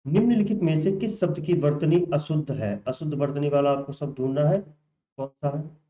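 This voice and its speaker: Heard through a muffled recording with a roomy feel, the male speaker has a fairly high pitch, a dark tone, and a slightly quick delivery. Tutoring for a Hindi exam, he covers spelling questions and repeats each answer to his learners as a question.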